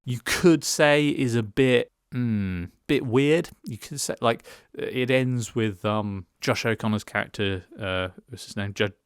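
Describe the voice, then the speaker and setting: A tipsy man giving a casual solo film review, rambling and halting as he stumbles over his words after drinking wine. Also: mid-range voice, clear, resonant tone, no room sound, studio quality.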